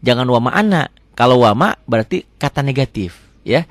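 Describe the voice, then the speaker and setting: A man's voice: medium pitch, animated, brisk, no room sound. A middle-aged man, teaching prayer recitation and correcting pronunciation line by line. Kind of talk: patient religious lesson.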